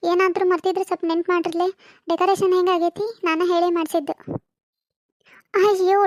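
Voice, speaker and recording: Woman, North Karnataka accent, cartoon family comedy, chatty village talk, very high voice, dry sound. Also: no room sound. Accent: North Karnataka Kannada. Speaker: cartoon voice artist.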